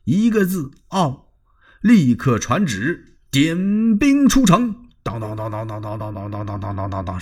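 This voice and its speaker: A man's voice: medium pitch, breathy edge. A man telling a traditional Chinese story in a dramatic, sweeping style, often turning aside to address the listeners.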